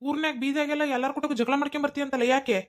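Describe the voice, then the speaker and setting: A harried village husband stuck between his wife and his mother in a cartoon comedy, as a woman voices him. He talks fast and high, pleading and scolding in a North Karnataka Kannada accent. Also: fairly even intonation, natural voice. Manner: exasperated pleading.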